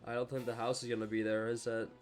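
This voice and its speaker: Brief: man reacting casually, mid-pitched, with light music underneath and musing asides. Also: little pitch movement, quick pace. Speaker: reaction video host.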